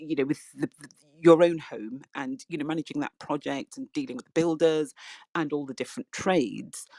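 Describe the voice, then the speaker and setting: A woman's voice: sits low, a little mellow, dry recording, rough recording. A woman hosting an interview, asking a long rambling question full of fillers and restarts. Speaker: podcast host. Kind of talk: casual interview on a social audio app.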